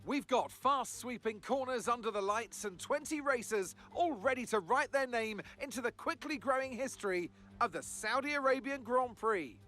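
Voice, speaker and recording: A man's voice: extremely high pitch, normal speed, fairly bright tone, soft background music. A man voicing a lead motor-race commentator in a video game, giving polished, upbeat scripted broadcast commentary. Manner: upbeat, polished presenter delivery.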